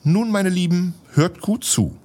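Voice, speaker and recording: A man's voice: high-pitched, lively intonation, a little slow, mellow, voice pushed up. A man doing a kindly old wizard. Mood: solemn.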